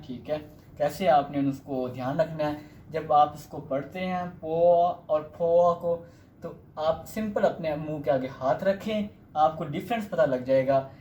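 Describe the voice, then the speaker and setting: A man teaching a language lesson in a patient, repetitive way. His voice is mellow and soft-edged. The recording is echoey, with a faint hum of noise underneath. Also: fairly high pitch. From Pakistan. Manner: patient, repeats "theek hai" often. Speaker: Chinese teacher.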